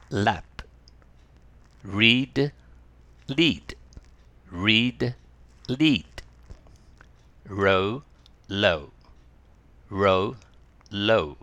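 A man teaching English pronunciation, reading minimal-pair drills slowly and carefully, then explaining in calm speech. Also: fairly low pitch, vocal fry, no echo. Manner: slow, careful drill reading, words louder than the talk.

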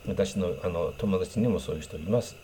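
A man teaching English phrases in a patient, explanatory way, pausing with fillers and repeating example sentences slowly. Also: low-pitched, dark tone, a little hiss or hum. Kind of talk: explanatory language lesson.

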